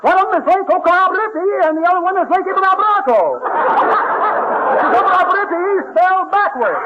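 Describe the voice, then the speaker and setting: A man's voice: very high-pitched, animated, normal speed, a crowd in the background, noisy background. An actor playing a jolly, folksy old man who spins tall tales and chuckles in old radio comedy. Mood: jolly, teasing. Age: older. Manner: folksy rural speech, wheezy chuckling. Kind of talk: 1940s radio comedy acting. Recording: dull old radio recording.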